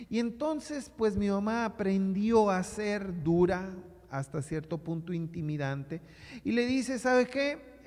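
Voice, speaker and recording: A man with a northern Mexican accent preaching in an animated storytelling style, his voice notably high. A long, reverberant church echo hangs on every phrase. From Hermosillo, Sonora, Mexico. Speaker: pastor. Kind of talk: storytelling sermon.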